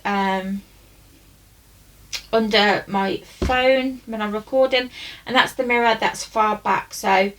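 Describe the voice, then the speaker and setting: A woman's voice: fairly high pitch, fairly bright tone. A young woman giving a casual, rambling tour of her makeup storage at home, with loose fillers. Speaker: beauty vlogger. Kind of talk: casual room tour chat. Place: bedroom at home. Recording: slightly distant, faint hiss.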